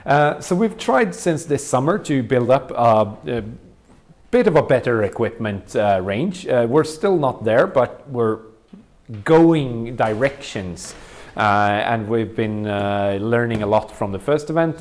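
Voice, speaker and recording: Showing off tech gear on an informal walkthrough, a native Swedish speaker with a Swedish accent hesitates often with ums and uhs. He's an event organizer, and his voice is on the low side and a little mellow.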